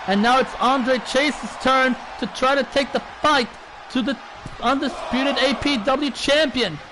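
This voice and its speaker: A man doing excited, dramatic wrestling play-by-play commentary in a shouted delivery. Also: very high-pitched, a little slow. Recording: noisy recording with loud crowd.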